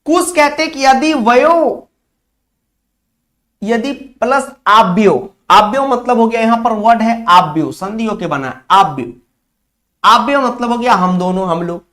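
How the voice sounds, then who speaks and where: A man's voice: very high-pitched, lively intonation, measured pace, fairly bright tone. A man from Bihar, teaching a Sanskrit class online and explaining the text word by word, repeating key points for his students. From Bihar, India.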